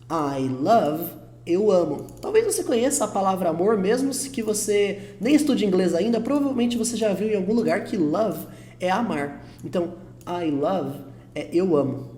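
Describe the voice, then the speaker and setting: A man with a Brazilian Portuguese accent teaching an online English lesson, patient and reassuring, repeating each example slowly. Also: high-pitched, dark tone, a little hiss or hum. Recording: roomy echo.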